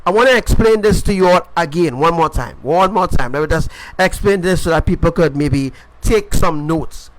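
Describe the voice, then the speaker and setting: A man's voice: on the high side, moderate pace, few pauses, a little hiss or hum, rough recording. A man preaching an informal sermon, emphatic and repetitive, often checking in with his listeners. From Caribbean.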